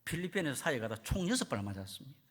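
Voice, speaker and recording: A man, a missionary, preaching a sermon and telling stories with lively delivery. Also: medium pitch, very fast, slightly rough. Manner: lively storytelling, acts out voices.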